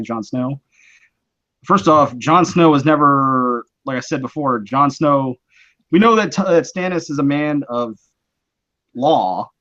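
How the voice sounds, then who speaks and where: A man's voice: mid-range voice, fairly bright tone, highs cut off. A man hosting a casual live-stream chat, explaining his views in a rambling, conversational way with many restarts. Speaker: host.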